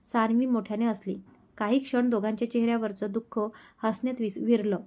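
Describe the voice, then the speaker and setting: A woman storyteller reading a romance story aloud in a gentle, emotional narrating style. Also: on the high side, fairly even intonation, brisk. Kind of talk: scripted narration.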